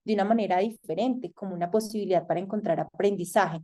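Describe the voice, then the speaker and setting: A Colombian woman gives an online masterclass lecture in a soft, mellow, medium-pitched voice. Her delivery is measured and thoughtful but hesitant, with frequent pauses and fillers.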